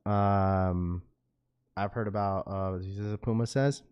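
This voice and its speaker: A dry recording with the highs cut off captures a low-pitched, clean-toned man speaking a little slowly with fairly even intonation. Reading chat on his livestream, this laid-back Washington state host, young adult to middle-aged with a school-age daughter, chats casually, his speech full of "bro", "dude" and "like".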